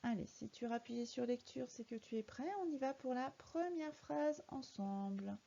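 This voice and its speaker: A woman's voice: a little high, moderate pace, vocal fry, warm tone, lo-fi sound. A woman teaching a young child to read in a recorded lesson, patiently spelling words out letter by letter. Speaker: primary school teacher.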